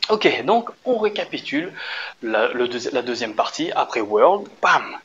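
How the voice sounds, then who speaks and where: A man's voice: mid-range voice, sing-song, normal speed. Encouraging male dance instructor, slightly muffled. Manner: encouraging, checks in often with short questions; counts and sounds out beats while demonstrating. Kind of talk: casual dance tutorial. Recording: slightly dull recording with faint room noise.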